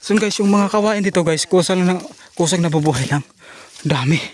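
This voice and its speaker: Guy hiking and vlogging, kinda high voice, out of breath, faint outdoor hiss. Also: fairly quick. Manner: excited exclamations to viewers. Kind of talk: casual hiking vlog. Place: outdoors on a forest hillside.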